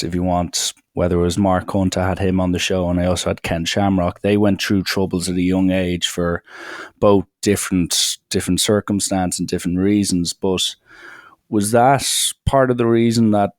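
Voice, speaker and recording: A man with a very low, deep voice hosts a casual podcast interview, earnest and a little rambling, full of ums and restarts. The sound is dry and close, with no room echo. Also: darkish tone. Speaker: podcast host.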